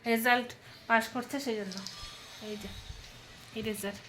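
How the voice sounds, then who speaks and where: Brief: young woman, casual home vlogger, raised pitch, music bed underneath. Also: steady tone, normal speed. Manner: chatty, talks softly at times. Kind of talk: casual vlog narration.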